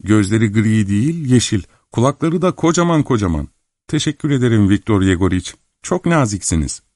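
A man's voice: on the low side, fast talker, dry recording, studio quality, voice pushed up. A man doing a playful young princess. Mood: delighted. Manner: bright, excited and commanding. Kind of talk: audiobook character voice.

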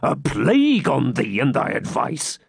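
A man's voice: medium pitch, huge pitch swings, measured pace, gravelly, breathy edge, no echo, clean studio sound, pitched above the performer's own voice, full character voice. A man voicing a jovial but indignant hermit friar, blustering and emphatic.

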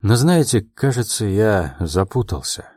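A calm, earnest young sleuth in love, as the male narrator plays him in an audiobook. He speaks in a low, mellow voice, quietly and in measured phrases. The sound is close and dry. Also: no room sound. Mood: probing, calm.

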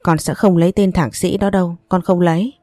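A woman's voice: fairly low pitch, steady tone, fairly quick, warm tone, no echo, clean studio sound, close to an everyday voice. A woman voicing a young, spoiled but loving rich daughter who talks in an emotional, pleading way.

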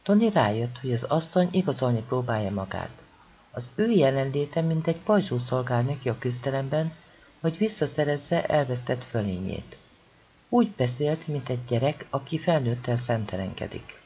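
Expressive audiobook reader, dull recording. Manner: expressive reading with wide swings in pitch and loudness. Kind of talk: scripted narration of a novel.

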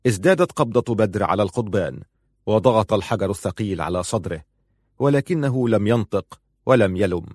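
A man narrates a story in a measured, grave manner. His voice sits low. The recording is dry and close. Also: expressive, darkish tone, no room sound. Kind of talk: scripted narration.

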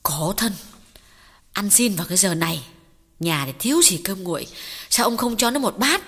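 A man voicing a kind-hearted older wife who asks quick, chattering questions in an audiobook ghost story. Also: sits high, expressive, bright, forceful tone, in a large hall, voice pushed up, full character voice. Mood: fussing. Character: kindly old wife, puzzled and fussing.

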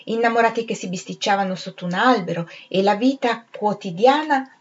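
A woman reading a literary novel aloud in a measured, expressive way. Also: mid-range voice, muffled recording. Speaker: reader. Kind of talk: literary audiobook narration.

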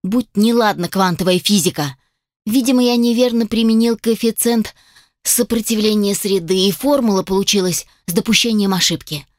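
A woman narrating a fantasy audiobook at a measured, steady pace. Her voice sits in a middle register. The sound is dry and close, with no room around it. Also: mid-range voice, dry recording. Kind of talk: scripted first-person fantasy narration.

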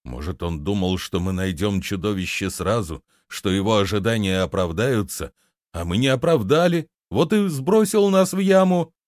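A man's voice: fairly low pitch, moderate pace, a little mellow, dry recording, clean studio sound, natural voice. A man voicing a lean, anxious young tailor who talks in a raised, fretful voice, as in an audiobook reading.

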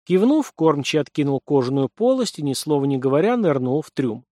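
A man reading an adventure novel aloud as an audiobook narrator, in steady, even storytelling. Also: on the high side, fairly quick, no echo, studio quality. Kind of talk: scripted narration.

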